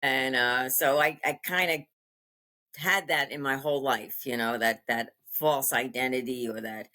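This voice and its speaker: An older woman from Long Island, New York, telling personal stories casually as a podcast guest, halting and repeating her phrases. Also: extremely low pitch, fairly even intonation, pushed and bright.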